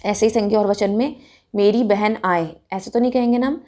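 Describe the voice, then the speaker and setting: A woman teaching a Hindi grammar lesson for children, pronouncing each word slowly and deliberately. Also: mid-range voice, mellow. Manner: slow and deliberate, drawing out words.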